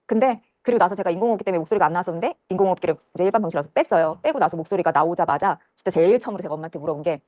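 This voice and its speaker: Fast-talking young woman telling her story. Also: on the low side, a little mellow, no echo, studio quality. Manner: earnest, rushed storytelling, acts out quoted voices. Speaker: testimony guest. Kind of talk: personal testimony interview. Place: church studio.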